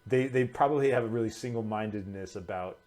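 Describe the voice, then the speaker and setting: A man co-hosting a casual discussion about building a tabletop character, thinking aloud and pitching ideas. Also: fast talker, a little mellow. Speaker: co-host.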